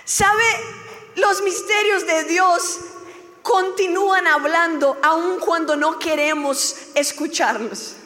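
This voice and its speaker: Very high-voiced young woman giving testimony. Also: sharp tone. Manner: emotional storytelling, acting out dialogue. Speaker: church speaker giving testimony. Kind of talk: testimony sermon. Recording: long hall reverb.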